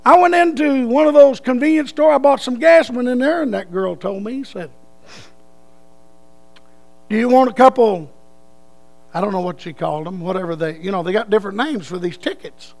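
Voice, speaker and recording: Gravelly high-pitched older preacher man. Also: expressive, a little fast, few pauses. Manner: folksy, swings between loud and hushed. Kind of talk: sermon with storytelling and prayer.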